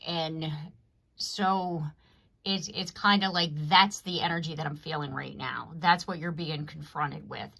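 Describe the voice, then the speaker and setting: A woman with a notably low, deep speaking voice gives a chatty tarot reading to her viewers. She talks in loose, rambling runs, circling back on her points and often checking in with "you know what I mean.". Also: steady tone, measured pace, gravelly, pushed and bright. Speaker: tarot reader. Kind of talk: casual collective tarot reading to camera.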